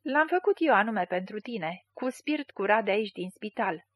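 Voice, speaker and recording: A woman's voice: medium pitch, lively intonation, dry recording, clean studio sound, close to an everyday voice. A woman voicing a sly, skinny male schemer in a storybook reading, talking in a honeyed, wheedling, boastful way.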